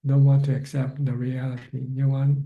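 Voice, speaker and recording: A man with a mid-range voice and some vocal fry leads a caller through meditation on a video call, keeping a level tone at normal speed. As a teacher answering questions, he gives plain, repetitive guidance and often restarts. The sound is dull, lo-fi call audio.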